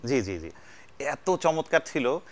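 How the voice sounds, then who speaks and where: A TV host from Bangladesh runs a casual celebrity chat show, cracking jokes and showering his guests with compliments. He speaks slowly, his mid-range voice very animated.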